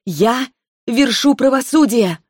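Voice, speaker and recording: A cold, vengeful spirit girl, voiced by a woman, speaks in a sweet, high, childlike voice, well above a normal woman's register. Her words come slow and clipped, like verdicts. The recording is dry and close. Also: expressive, breathy edge, no room sound, exaggerated voice. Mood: cold, judging. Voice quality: sweet young voice. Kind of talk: audiobook character voice.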